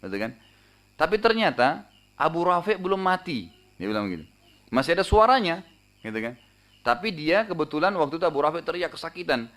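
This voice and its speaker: A man preaching a storytelling sermon, conversational and animated, often tagging sentences with casual fillers. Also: fairly high pitch, brisk, pauses often. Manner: conversational, frequent tag fillers; animated retelling, raising voice for dramatic moments. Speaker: Islamic preacher.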